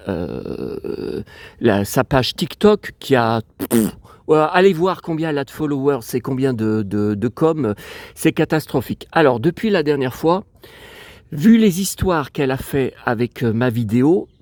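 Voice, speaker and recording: Vlogging outdoors in a cemetery, a man with a cold rambles in a digressive, aggrieved way, his nose stuffy and sniffly. His voice is medium-pitched and slightly mellow, with no echo.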